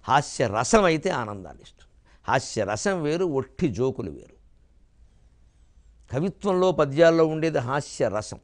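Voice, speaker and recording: Older man giving a spiritual discourse. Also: on the high side. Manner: recites verses in slow drawn-out chant. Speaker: spiritual lecturer. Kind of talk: televised discourse.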